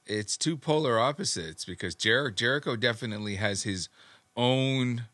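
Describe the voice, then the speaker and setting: A man's voice: medium pitch, moderate pace, no echo. A married man co-hosting a casual podcast, chatting and laughing easily. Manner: lively, laughs often. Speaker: podcast co-host. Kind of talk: casual chat.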